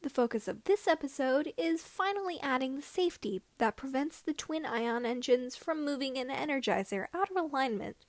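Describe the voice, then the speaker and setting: A woman voices an earnest young space pilot in audiobook style, cheeky, a bit bewildered and chirpy. Her fairly high voice has lively intonation, a moderate pace and few pauses. It's closely recorded, with no room sound.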